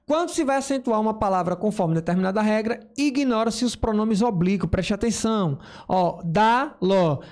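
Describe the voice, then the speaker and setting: A man's voice: high voice, normal speed, few pauses, darkish tone. A male teacher giving a grammar lesson, explaining step by step and voicing imagined student questions.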